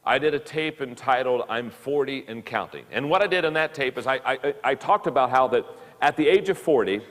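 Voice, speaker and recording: This mid-range, animated, slightly bright voice belongs to a man in his fifties teaching leadership, with a long reverb tail trailing his words. He frequently trips over and repeats words in the recorded lesson.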